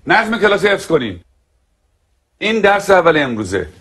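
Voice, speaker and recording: Bossy schoolteacher, man, scolding, lively pitch swings. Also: heavily acted. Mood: commanding. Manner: commanding, scolding. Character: harsh authoritarian male schoolteacher. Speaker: teacher.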